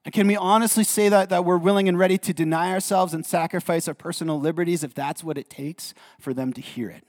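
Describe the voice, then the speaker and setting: A man's voice: sits high, fairly even intonation, fast. A man preaching a sermon as a pastor, earnest, often repeating words as he goes. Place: church hall. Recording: reverberant church hall.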